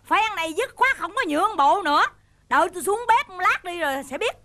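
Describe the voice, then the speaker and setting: An actress playing a sharp-tongued, fierce wife in a stage comedy, scolding bluntly. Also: female voice, extremely high pitch, lively intonation, fast talker, crowd noise. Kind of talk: stage comedy skit acting. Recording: backing music on stage.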